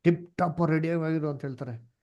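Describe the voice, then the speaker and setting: A man's voice: fairly high pitch, normal speed, dark tone, lo-fi sound. A man with a Kannada accent teaching an online Bible class, asking questions and mixing English words into his talk. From India.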